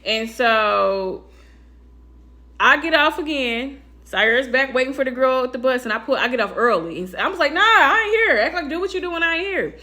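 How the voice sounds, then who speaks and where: High-voiced animated woman telling a story. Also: normal speed. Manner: animated, acts out quoted voices with big pitch jumps. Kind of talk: casual storytime vlog.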